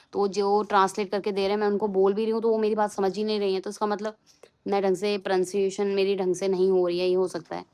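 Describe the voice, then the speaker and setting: A woman's voice: mid-range voice, a little mellow. A young woman from Uttarakhand, India, chatting casually in a home vlog and now and then scolding her small son. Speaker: vlogger. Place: home, indoors.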